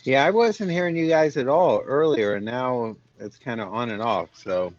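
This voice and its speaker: A man's voice: medium pitch, normal speed, a little hiss or hum. A man, a player in an online tabletop game, chatting casually and offhandedly on a voice call. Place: online voice chat. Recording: muffled call audio with loud music behind.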